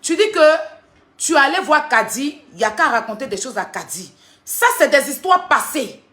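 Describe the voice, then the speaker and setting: Heated, lively woman ranting. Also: high-pitched. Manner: heated, defensive, retelling quarrels rapidly. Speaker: social media personality. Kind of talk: livestream rant addressing critics.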